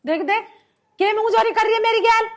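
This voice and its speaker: An actress playing a sharp-tongued, bossy village mother-in-law who scolds in rural speech. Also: very high voice, brisk. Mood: scolding. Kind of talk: rural comedy drama acting.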